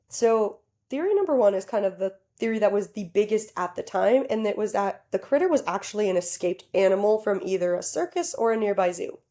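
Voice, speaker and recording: Woman podcast co-host, mellow tone, giggly casual storyteller. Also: mid-range voice. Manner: giggly, animated, talks straight to listeners.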